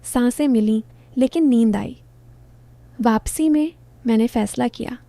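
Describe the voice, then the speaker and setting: Slow, mellow woman telling a story. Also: a little high, vocal fry, dry recording. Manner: short clipped phrases, soft and intimate. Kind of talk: first-person scripted story narration.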